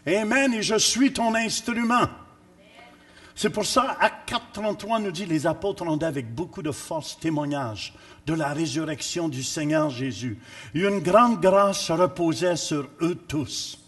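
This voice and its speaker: Male pastor, husky and high, emphatic preacher who teases the congregation. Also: a little slow. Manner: emphatic, teasing, rising to shouts. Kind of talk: sermon. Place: church.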